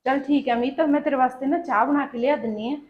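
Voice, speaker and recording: A woman acting out a hardworking young daughter-in-law who asks politely and pleads. Her voice is high. The sound is dull and lo-fi, like a home video. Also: quick pace, lightly acted. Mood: calm. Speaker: daughter-in-law in a family short film. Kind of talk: amateur family drama acting.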